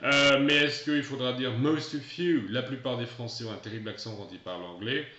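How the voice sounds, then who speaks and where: A French-speaking male English teacher explaining exercises, switching between French and slow, stressed English examples. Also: mid-range voice, bright, forceful tone. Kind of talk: recorded video lesson. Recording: echoey room, dull lo-fi sound.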